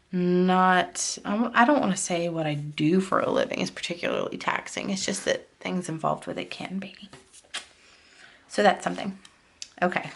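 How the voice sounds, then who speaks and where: A woman's voice: medium pitch, vocal fry, a little hiss or hum. A woman vlogger chatting casually while decorating her planner, rambling and confiding as she drifts off-topic.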